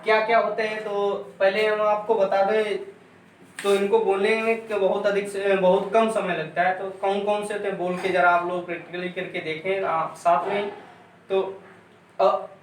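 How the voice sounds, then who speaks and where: Speaking from a distance in a reverberant room, a man with a high-pitched, level voice delivers an exam-prep lecture at moderate speed. He goes over points again and again and has his students drill sounds aloud, while faint noise sits underneath.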